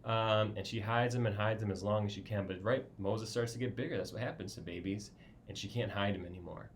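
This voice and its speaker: Brief: low-pitched man, kids' Bible lesson teacher, easygoing and explanatory, faint hiss behind. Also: fairly even intonation, fast talker. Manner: casual, explanatory, frequent "right?". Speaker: children's ministry teacher.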